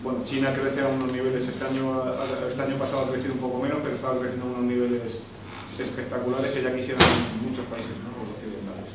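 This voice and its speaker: Fast-talking man in an echoey hall. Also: medium pitch, level tone. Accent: Spanish from Spain. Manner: quick, insistent, repeats himself. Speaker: audience member in a debate. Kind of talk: debate after a film screening. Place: hall of a social club. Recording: echoey room, far from the mic, noisy.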